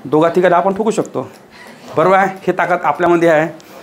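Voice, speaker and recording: Emphatic high-voiced man lecturing. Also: steady tone, brisk. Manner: rhetorical questions, emphatic repetition. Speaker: teacher giving a motivational talk. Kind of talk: motivational lecture to a live audience.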